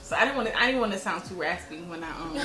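A woman's voice: lowish voice, lively intonation, fast, a crowd in the background. A woman in her mid-twenties co-hosting a casual podcast, telling a story in an easygoing, chatty way. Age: 20s. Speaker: podcast co-host. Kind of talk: casual chat. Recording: roomy echo.

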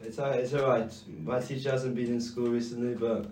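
A teenage boy from Wales, co-hosting a casual podcast and explaining things in a steady, matter-of-fact way. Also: mid-range voice, fairly quick, slight background noise. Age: teens. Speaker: podcast co-host. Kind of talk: casual chat. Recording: echoey room, distant mic.

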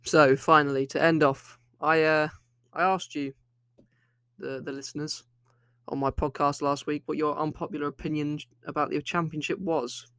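A man's voice: on the high side, little pitch movement, normal speed, a bit bright, smooth, dry recording, studio quality. A young man hosting a solo football podcast, opinionated and rambling, often restarting his sentences. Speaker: podcast host.

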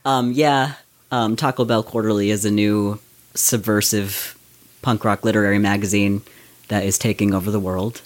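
A man co-hosting a podcast, with a slightly low voice. He talks in an easygoing way and pokes fun at himself. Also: fairly even intonation, moderate pace. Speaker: podcast co-host and writer. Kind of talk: casual chat.

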